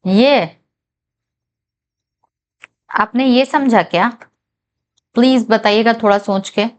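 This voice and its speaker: Her pitch fairly high, a reasoning tutor for bank exams leads a whiteboard lesson. She reads each English statement slowly and carefully and checks in with the people watching.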